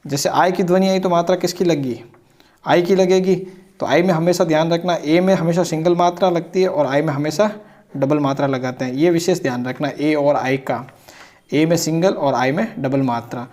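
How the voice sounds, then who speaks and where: Blackboard grammar teacher. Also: male voice, a little high, steady tone, a little mellow. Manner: repetitive, checks in with "ठीक है ना"; drawn-out spelling of sounds.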